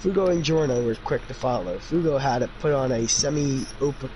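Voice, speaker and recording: A man reads fanfiction aloud in a casual, amateur way, adding chatty, informal and opinionated commentary. His voice is medium-pitched at normal speed, with background noise audible.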